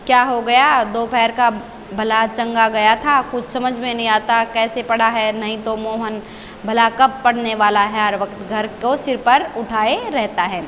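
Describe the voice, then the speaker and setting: A woman's voice: a little high, steady tone, unhurried, a bit bright, big-room sound, slight background noise. A woman teacher reading the part of a worried mother fussing over her sick son. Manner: anxious, fussing.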